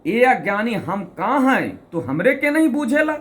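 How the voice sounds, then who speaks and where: Storybook talking shoe, male and boastful, quarrels in verse; a man puts it on, fairly high voice. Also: sing-song, moderate pace, a bit bright. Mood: boastful, scolding. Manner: scolding, boastful, recited in rhyming verse.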